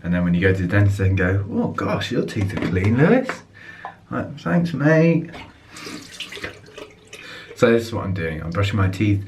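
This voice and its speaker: A man's voice: sits low, a little hiss or hum. A young man, chatting casually to camera in a rambling, filler-heavy vlog. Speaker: vlogger.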